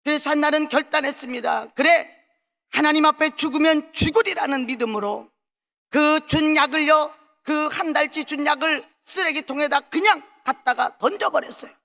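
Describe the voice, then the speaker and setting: A woman pastor preaching a fervent testimony, going from soft passages to loud ones. Her voice is very high and bright with a gravelly edge. It echoes with the long reverb of a large prayer hall. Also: moderate pace. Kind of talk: testimony sermon.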